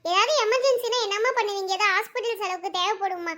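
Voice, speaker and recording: Woman playing a gentle young cartoon sister, very high-pitched. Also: fast. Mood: reassuring. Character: young village girl, sister, sweet and dutiful.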